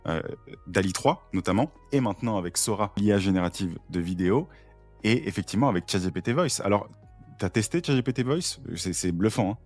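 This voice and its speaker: Low-voiced man explaining with eager energy. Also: lively intonation, fairly quick, a little mellow, soft background music. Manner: enthusiastic explainer, many fillers and restarts. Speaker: podcast guest, AI trainer. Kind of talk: casual podcast conversation.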